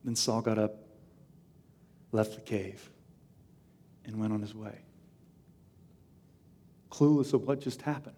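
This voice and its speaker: A man preaching a sermon, telling the story with humor and lively storytelling, at times dropping to a hush. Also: fairly low pitch, takes it slowly, long pauses, slightly rough, big-room sound. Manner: animated, humorous storytelling with sudden hushed drops. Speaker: pastor.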